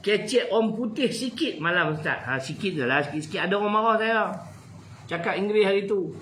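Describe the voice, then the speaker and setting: A man with a Malaysian Malay accent giving a lively, humorous religious lecture to an audience. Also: high-pitched, fairly quick, reverberant, slight background noise, poor audio. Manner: animated, jokey, switches between loud and soft. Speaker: preacher.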